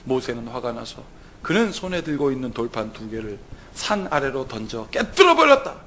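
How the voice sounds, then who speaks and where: A man's voice: mid-range voice, very animated, normal speed, a bit bright. A man preaching a sermon as a pastor, telling the story vividly and putting rhetorical questions to the congregation.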